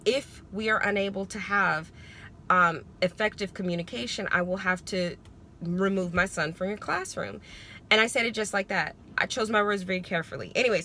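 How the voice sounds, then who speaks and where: A woman with a bright, forward voice talks to her viewers in a casual advice vlog. She explains things conversationally and leans on her points with emphasis. Her pitch is average, and some background noise sits behind the voice. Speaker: parenting vlogger.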